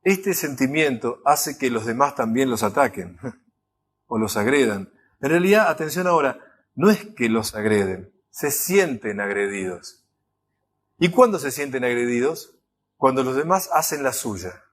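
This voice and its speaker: A man with a Rioplatense accent giving an enneagram lecture, animated and conversational, constantly checking in with his listeners. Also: mid-range voice, a little slow, slight background noise. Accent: Rioplatense Spanish. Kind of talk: recorded lecture.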